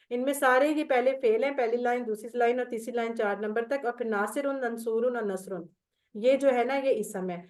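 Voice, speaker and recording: Patient woman teaching a grammar class. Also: a little high. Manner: patient, explains step by step, recites verb tables. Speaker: Quran Arabic grammar teacher. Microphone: video call.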